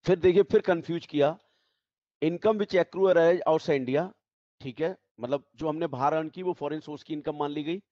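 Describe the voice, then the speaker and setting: A man's voice: fairly high pitch, normal speed, mellow, dry recording, highs cut off. A male teacher giving an online tax class, explaining step by step and repeating the key points. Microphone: video call.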